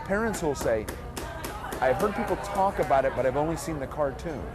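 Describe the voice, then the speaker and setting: Man reflecting casually over clear crowd chatter. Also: on the high side, lively intonation, a little fast, over music. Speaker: flea circus showman. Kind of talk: casual interview answers. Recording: outdoor recording amid crowd chatter. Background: crowd and street noise outdoors.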